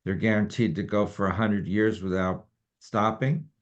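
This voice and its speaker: A man leading a study group and explaining in a relaxed, rambling way with many fillers. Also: lowish voice, moderate pace. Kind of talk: informal teaching talk. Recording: dull lo-fi recording.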